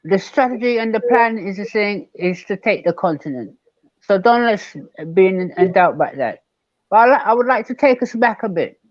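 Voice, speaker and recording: Older man, slow and emphatic. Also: high voice, expressive, dry recording, muffled recording. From Barbados. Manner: measured, emphatic, repeats key words. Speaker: guest elder. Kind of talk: online panel discussion.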